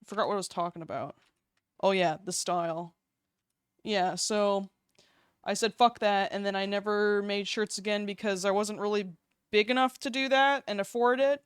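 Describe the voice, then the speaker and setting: A woman's voice: medium pitch, steady tone, normal speed, smooth, no echo, studio quality. A young woman streaming while she draws, chatting casually, giggling and swearing easily. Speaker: streamer and artist. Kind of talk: casual live-stream chat while drawing.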